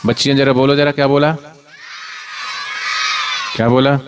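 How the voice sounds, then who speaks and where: A man telling a devotional story to children, animated, with frequent call-and-response prompts. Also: mid-range voice, normal speed, a crowd in the background, noisy background. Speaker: spiritual storyteller.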